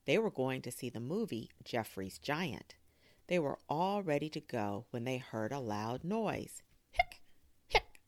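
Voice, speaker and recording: Low, slow woman storyteller. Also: dry recording. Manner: expressive, animated reading. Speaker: storyteller host. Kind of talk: children's story read-aloud.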